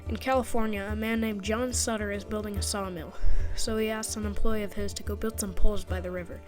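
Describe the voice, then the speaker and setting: A woman's voice: medium pitch, steady tone, a little fast. A woman narrating a history video in a casual scripted way, with jokey, sarcastic asides. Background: background music.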